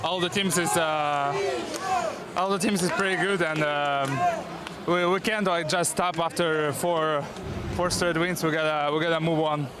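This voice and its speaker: A man, an ice hockey player, giving halting, casual answers in a post-game interview. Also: on the high side, fairly even intonation. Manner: hesitant, halting speech.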